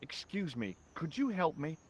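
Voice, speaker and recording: A curious young adventurer in a point-and-click game. His pitch swings widely as he fires off wry questions, with faint crickets in the background. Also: very animated, normal speed, slight background noise. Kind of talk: video game voice acting.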